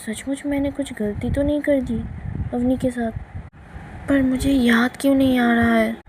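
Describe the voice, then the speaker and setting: Playful clingy young woman in a storybook, as a woman reads her, fairly high, even tone. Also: moderate pace, slight background noise, natural voice, rough recording. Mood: puzzled. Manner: coaxing and pleading.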